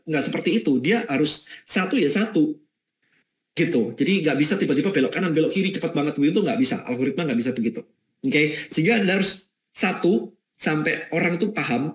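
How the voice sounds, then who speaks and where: A middle-aged man teaching a marketing webinar in a lively, conversational way, checking in with his listeners often. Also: on the high side, roomy sound. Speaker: webinar speaker.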